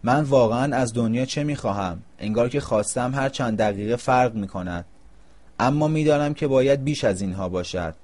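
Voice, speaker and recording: A man voicing a gentle yellow caterpillar in a storybook, speaking softly and pleadingly. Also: mid-range voice, natural voice. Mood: wistful. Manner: soft, pleading.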